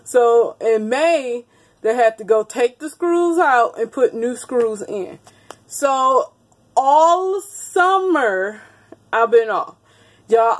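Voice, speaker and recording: A woman in her thirties chatting casually to her viewers in a vlog, laughing often, recorded on a phone held close in a small room. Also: fairly high pitch. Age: 30s. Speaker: vlogger. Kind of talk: casual chat to camera. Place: small indoor room with wood panelling. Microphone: phone camera held close.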